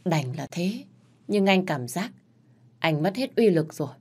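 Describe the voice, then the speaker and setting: A woman voicing a busy boss husband who speaks softly and pleads with his wife. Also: fairly low pitch, lively intonation, measured pace, breathy edge. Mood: pleading. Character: hardworking husband, a boss, gentle and yielding.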